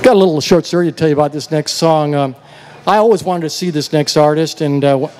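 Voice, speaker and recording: A man's voice: fairly high pitch, fast talker. A male country singer chatting with the crowd between songs on an outdoor festival stage, telling a story in a rambling, easygoing way into a stage mic. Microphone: stage vocal mic. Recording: live stage sound with loud band. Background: loud live band music.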